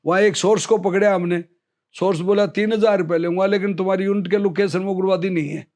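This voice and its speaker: Animated high-voiced male storyteller. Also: fast talker. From India. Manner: animated storyteller acting out quoted dialogue. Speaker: interview guest, army veteran. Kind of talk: storytelling in casual conversation.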